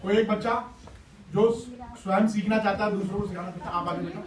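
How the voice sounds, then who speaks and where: A man's voice: sits high, a little fast, a crowd in the background. A man teaching a class of schoolchildren, encouraging and playful as he coaxes them to try. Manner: encouraging and playful, coaxing pupils. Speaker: teacher running a school workshop. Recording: echoey room, distant mic, noisy class.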